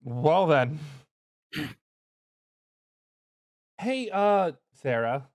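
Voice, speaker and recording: A man's voice: fairly high pitch, sing-song, drawn-out words, no echo. A man playing a tabletop game, joking with the table and swearing freely. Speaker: player. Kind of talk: casual tabletop banter.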